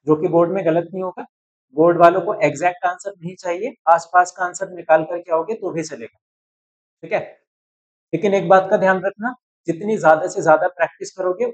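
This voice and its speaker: A man's voice: high-pitched, poor audio. Man teaching math step by step. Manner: steady explaining, checks in with students often. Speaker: chemistry teacher. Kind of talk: chalkboard-style math walkthrough.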